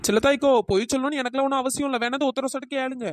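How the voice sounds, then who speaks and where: A woman voicing a sly, quick-witted young village woman who talks her way out of trouble, brisk and persuasive. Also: high-pitched, fairly even intonation, no room sound, studio quality, natural voice. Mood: scheming. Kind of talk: cartoon storytelling.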